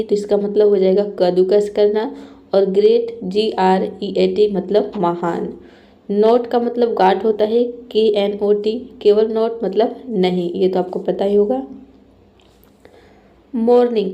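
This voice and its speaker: Woman teacher with a warm, mellow voice, walking learners patiently through word pairs and spelling each one. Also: mid-range voice. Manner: spells words out letter by letter; checks in with frequent "okay". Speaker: English teacher. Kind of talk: explaining vocabulary lesson.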